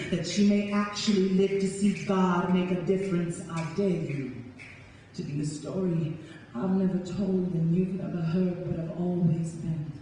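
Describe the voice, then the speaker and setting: Heard from a distance in an echoey, noisy hall, a young adult woman recites spoken word poetry live before an audience. Her fairly low, dark voice carries a dramatic, rhythmic, emphatic delivery.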